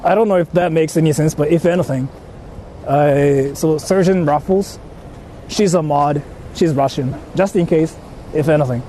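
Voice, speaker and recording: A man from Ichihara, Japan, chats casually with livestream viewers on a noisy city street with traffic, using slangy, repetitive phrases. His voice is mellow, on the high side, at normal speed.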